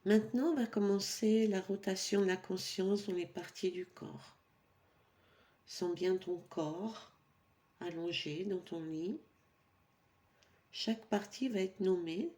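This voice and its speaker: This is a guided yoga nidra meditation for sleep, led by a woman instructor whose mid-range voice is calm and soothing, with pauses woven between her instructions.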